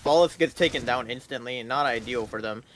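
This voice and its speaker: A man casting esports live with excited play-by-play, talking in a casual, slangy, exclamatory way. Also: medium pitch, fairly quick, slight background noise, rough recording. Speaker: esports caster.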